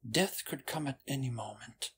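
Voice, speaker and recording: A man reading aloud, voicing a cold, detached man who speaks quietly and in measured tones. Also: mid-range voice, slightly rough. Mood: cool.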